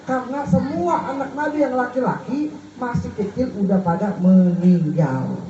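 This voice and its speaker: This is a sermon in a big echoey room at a gathering, with the man speaking at normal speed. He lets the crowd complete his words and asks questions in a high, soft voice. A far mic makes the recording dull and echoey, with a faint hiss.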